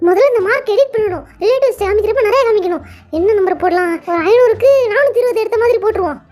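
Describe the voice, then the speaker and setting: A woman's voice: extremely high pitch, fast talker, a little mellow, faint music behind. A woman voicing a cheeky, teasing teenage boy in a comic fan dub. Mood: scheming. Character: cheeky teenage boy who wants a motorbike.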